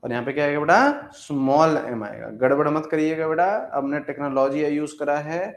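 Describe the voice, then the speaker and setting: A man's voice: a little high, normal speed, reverberant. A man teaching chemistry in a classroom lecture, repeating himself and coaxing students, calling them "beta".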